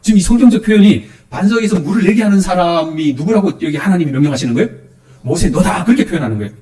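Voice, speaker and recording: Animated preaching man in an echoey hall. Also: sits high, racing. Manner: animated, asks the congregation questions. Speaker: pastor. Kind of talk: sermon.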